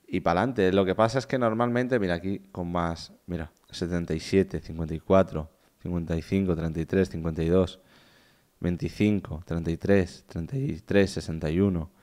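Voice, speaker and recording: Un hombre joven de España, streamer, comentando en directo con entusiasmo y muchas repeticiones desde su cuarto. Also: male voice, low-pitched, a little mellow. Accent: Spain Spanish. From Spain. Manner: enthusiastic, repetitive, chatty. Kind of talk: casual live-stream commentary. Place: his own room.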